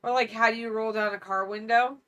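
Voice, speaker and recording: A woman's voice: a little high, steady tone, a little fast, a bit bright, clear, resonant tone, dull audio. A woman in her late thirties co-hosting a podcast, talking in a rambling, casual way with lots of fillers and trailing sentences. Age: 30s. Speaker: podcast co-host. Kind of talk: casual chat.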